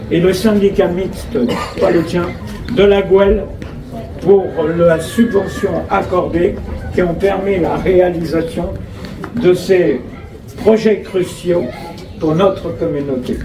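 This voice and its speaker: Outdoors in a school forecourt, a male local official from France reads a formal inauguration speech from notes over a public address, with occasional ad-libs. His voice is high. The distant pickup is echoey and noisy.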